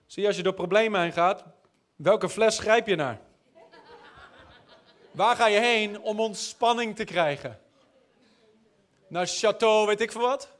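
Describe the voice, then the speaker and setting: Male preacher, high voice, sermon full of anecdotes and quips. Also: measured pace, long pauses, a bit bright. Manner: storytelling, jokey asides, repeats words when searching.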